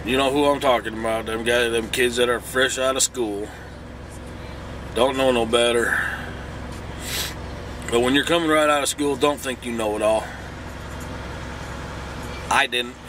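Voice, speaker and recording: A man's voice: medium pitch, steady tone, unhurried, pauses often, noisy background. A middle-aged man, sick and groggy as if hungover, talks casually in a folksy, plainspoken way as a truck driver vlogging. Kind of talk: casual vlog talk. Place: truck cab.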